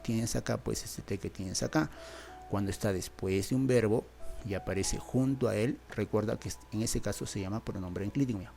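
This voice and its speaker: A man with a Peruvian Spanish accent teaches a grammar lesson in a low, gravelly voice. He walks through each example patiently and checks in often. Faint music plays underneath. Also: darkish tone. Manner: patient, repeats points and asks "¿ves?".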